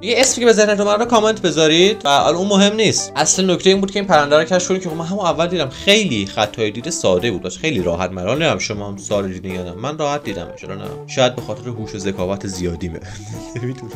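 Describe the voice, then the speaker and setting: A man hosting a reaction video in casual commentary, bragging jokingly about how smart he is and teasing himself, with sudden excited outbursts. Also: medium pitch, hardly any pauses, faint music behind. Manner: mock-boastful, joking and self-teasing.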